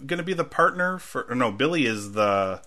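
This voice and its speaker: A man co-hosting a casual chat, rambling and acting out quotes in sudden loud bursts. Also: mid-range voice, lively intonation, a little fast. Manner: rambling, acts out quotes loudly.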